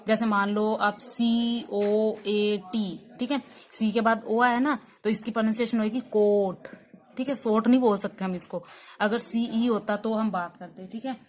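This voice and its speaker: A woman's voice: fairly high pitch, steady tone, normal speed. Woman teaching, spelling words out. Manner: explains patiently, spells words out letter by letter, repeats "ठीक है" often. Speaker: English teacher. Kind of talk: online pronunciation lesson.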